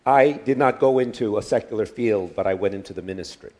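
A man giving a sermon as a guest preacher, speaking in short phrases and pausing for an interpreter. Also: on the low side, a little mellow. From United States. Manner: short phrases with pauses for translation. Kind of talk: sermon delivered through an interpreter.

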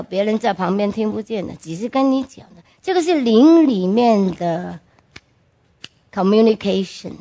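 A woman's voice: mid-range voice, dark tone. A woman giving a personal testimony to a congregation in an earnest, emphatic way, often asking the listeners direct questions and dropping in English words. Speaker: church testimony speaker.

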